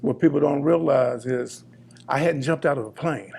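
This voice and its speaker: An elderly man, a veteran in his seventies, reminiscing plainly in a casual interview, pausing as he recalls details. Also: mid-range voice, gravelly, dark tone, breathy edge. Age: 70s. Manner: old veteran remembering, plain-spoken, halting recall.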